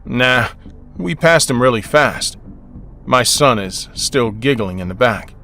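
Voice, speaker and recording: A man's voice: mid-range voice, lively intonation, slow pace, pushed and bright, faint music behind. A young man narrating a first-person story as a harried father, with a wry, exasperated, joking manner.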